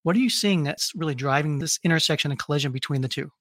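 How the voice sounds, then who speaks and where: A man hosting a podcast, presenting and asking interview questions in a clear presenter's delivery. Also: on the high side, fast talker, fairly bright tone, dry recording, clean studio sound. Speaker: podcast host.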